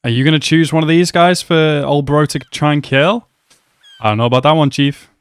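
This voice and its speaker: A young man with a fairly high voice reacts to an anime episode from a small room at home, talking into a headset mic. He speaks fairly quickly in a clear, resonant tone. Chatty and foul-mouthed, he keeps calling the characters bro.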